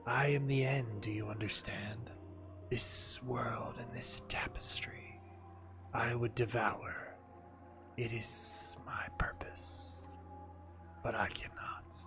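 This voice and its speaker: Game creature: vast ancient snake. Whispered, hissing, drawn-out delivery, ominous and menacing. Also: male voice, medium pitch, little pitch movement, music in the background. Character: monumental ancient serpent, menacing world-devourer.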